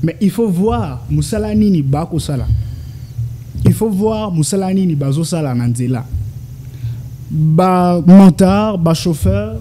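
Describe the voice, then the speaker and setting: Guesting as a political analyst, a Congolese man with a Congolese French accent answers interview questions in a mix of French and Lingala. His voice is high and dark-toned, unhurried but insistent, full of rhetorical questions and stammered, repeated syllables, with slight background noise.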